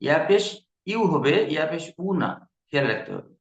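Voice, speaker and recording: A man's voice: on the high side, expressive, fairly quick, muffled recording. A man teaching a Quran recitation class, patiently drilling each letter sound and repeating syllables. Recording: echoey room.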